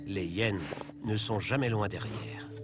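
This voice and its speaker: A man narrating a nature documentary from a script, in a measured, dramatic storytelling manner. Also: on the low side. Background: loud background music.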